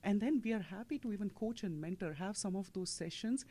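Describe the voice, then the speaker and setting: A woman on a discussion panel, friendly and steady, offering suggestions into a handheld mic. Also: medium pitch, fairly quick. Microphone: handheld microphone.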